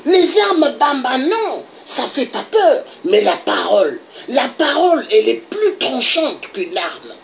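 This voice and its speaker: A high-pitched, sing-song, gravelly female voice moves slowly with few pauses, and there's slight background noise. The speaker, a political commentator from DR Congo, delivers an impassioned monologue, pushing her arguments hard. She repeatedly tags them with "hein?" for emphasis.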